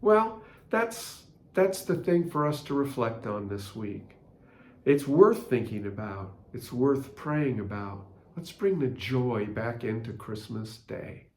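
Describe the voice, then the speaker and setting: Older guy telling a story and asking questions, chatty, middle pitch, room echo. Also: big pitch swings, slow, darkish tone. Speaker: blog host. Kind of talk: casual spoken reflection. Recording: roomy echo.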